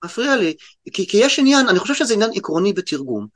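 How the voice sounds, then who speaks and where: A man with an Israeli accent explaining things conversationally as an interview guest, halting and often restarting mid-word. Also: high voice, big pitch swings, fairly bright tone. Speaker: guest translator and poet.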